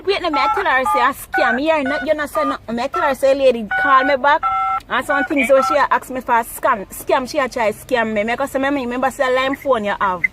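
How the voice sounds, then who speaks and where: A woman with a Jamaican accent chatting casually and excitably, with lots of exclamations. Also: sits high, fairly quick, heavy background noise. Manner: exclamatory, animated. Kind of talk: casual, excitable phone chat.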